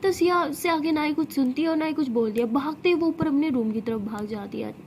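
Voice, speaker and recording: A woman's voice: sits high, a little fast, darkish tone, a little hiss or hum. A woman telling a love story in a casual, chatty storytelling style. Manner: chatty, retelling with "so she says".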